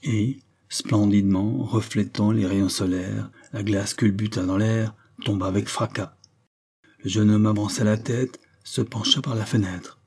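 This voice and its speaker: A man reading a literary audiobook with measured, grave storytelling. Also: on the low side, steady tone, gravelly, a little mellow, husky. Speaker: audiobook narrator.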